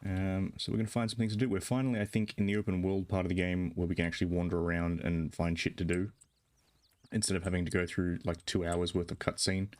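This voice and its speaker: A man streaming a video game and chatting along in a jokey, casual way. His voice sits very low. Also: level tone, fast. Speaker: livestreamer. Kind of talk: casual gaming commentary.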